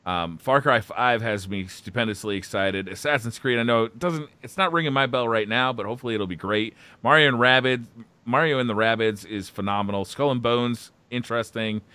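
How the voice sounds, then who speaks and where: Co-host, man, bright sharp voice, dry close sound, eager rambling. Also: mid-range voice, a little fast, dry recording. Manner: enthusiastic, rambling with filler words. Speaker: podcast co-host. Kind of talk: casual gaming chat.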